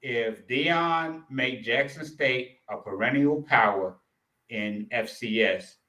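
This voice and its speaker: A man co-hosting a casual sports talk show, quick and slangy, often cutting in over his co-host. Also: mid-range voice, sharp tone. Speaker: podcast co-host.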